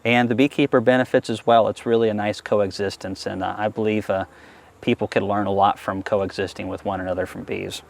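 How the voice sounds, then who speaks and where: A man's voice: lowish voice, little pitch movement, fairly quick, gravelly. A man being interviewed as a beekeeper, chatting easily and enthusiastically while he works a hive outdoors. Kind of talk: casual interview answers while working a hive. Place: outdoors at a beehive.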